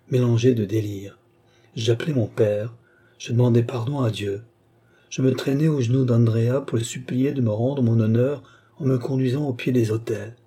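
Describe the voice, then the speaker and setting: A man voicing a grieving, remorseful young woman as she tells her story in an audiobook, in a measured, confessional way. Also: medium pitch, warm tone, breathy edge, natural voice. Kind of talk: audiobook reading.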